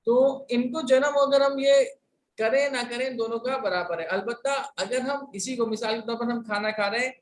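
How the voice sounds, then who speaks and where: A man's voice: extremely high pitch, steady tone, normal speed. A man from Pakistan teaching a religious class, patiently asking rhetorical questions and answering them himself. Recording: roomy sound, distant from mic, faint hiss.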